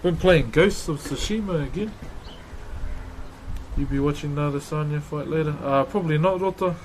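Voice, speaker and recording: A man's voice: on the high side, moderate pace, darkish tone. Laid-back New Zealand man, noisy background. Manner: laid-back, slangy, reading and answering viewer messages. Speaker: live streamer. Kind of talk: casual livestream chat. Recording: clearly noisy background ambience.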